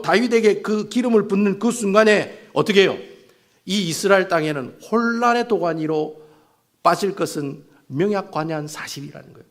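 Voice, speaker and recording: A man, a pastor preaching a sermon in an animated way, asking rhetorical questions and acting out quoted speech. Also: high-pitched.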